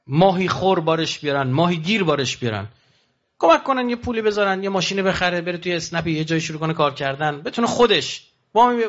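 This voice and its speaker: This lo-fi clip captures a man with a fairly bright tone delivering an impassioned sermon to a crowd of pilgrims. He poses question after rhetorical question, his voice swinging abruptly high and low.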